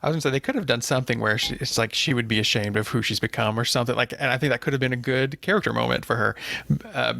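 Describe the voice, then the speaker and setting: A man guest on a podcast, talking about a film in a halting way with many restarts. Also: mid-range voice, creaky, pushed and bright. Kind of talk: casual film review chat.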